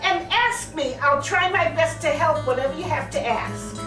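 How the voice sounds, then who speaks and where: A woman's voice: high voice, normal speed, over music. An older woman hosting a home cooking show, talking in a plain, homey, grandmotherly way. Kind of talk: casual cooking show chat. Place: home kitchen. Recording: echoey kitchen, mic at a distance.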